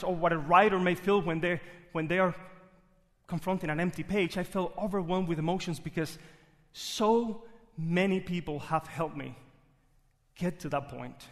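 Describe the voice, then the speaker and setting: A man with a Cuban Spanish accent telling a personal story live on stage, earnest and reflective. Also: sits high. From Cuba. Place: theater stage. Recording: live theater hall reverb.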